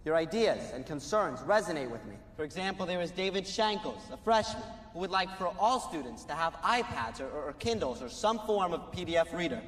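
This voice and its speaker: A man's voice: fairly high pitch, lively intonation, brisk, few pauses. An actor playing a stiff, formal young male student candidate who speaks earnestly and precisely in a film. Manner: formal, earnest, precise, builds to shouting in speech. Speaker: student candidate for school board. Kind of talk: film dialogue, campaign speech and debate prep. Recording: reverberant hall, faint noise.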